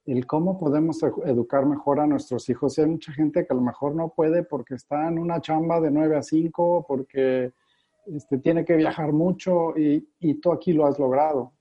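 A man's voice: a little high, fairly even intonation, normal speed, husky. A man hosting a podcast, encouraging his guest with long, talkative questions. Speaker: podcast host. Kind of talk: interviewing. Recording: dull lo-fi audio.

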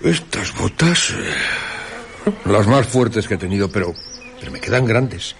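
An actor playing a bewildered scruffy tramp who stammers and blusters, easily rattled, in a radio drama. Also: male voice, fairly low pitch, big pitch swings, takes it slowly, gravelly, fairly bright tone, a little hiss or hum, full character voice. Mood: grumbling. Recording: faint outdoor ambience with birds and insects.

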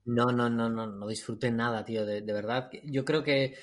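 Man, casual podcast storytelling, animated, laughs along. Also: medium pitch, normal speed. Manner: animated, laughs while telling. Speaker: podcast co-host.

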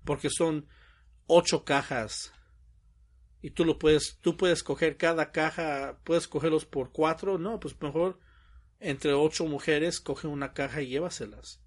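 A young man with a slightly high, slightly slow voice chats casually, telling stories with animation. He acts out quoted dialogue and laughs often.

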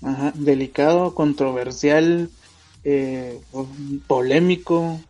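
A man, co-hosting a casual podcast and musing out loud with many fillers. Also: fairly high pitch, fairly even intonation. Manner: thoughtful, pauses with fillers, tags "¿va?". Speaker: podcast co-host. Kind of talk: casual opinion chat. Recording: dull lo-fi audio with faint music.

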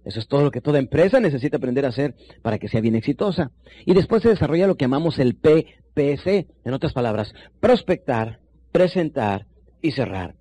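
A man teaching sales techniques, shifting between quick bursts and low, slow emphasis while speaking straight to the listener. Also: animated, dark tone, no echo. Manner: addresses listener directly as compañero. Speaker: sales trainer. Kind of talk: recorded sales seminar lesson.

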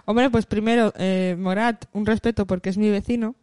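A woman co-hosting a casual comedic podcast chat, with dark, deadpan sarcasm. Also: medium pitch, moderate pace, clean tone, no room sound, studio quality. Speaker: podcast co-host.

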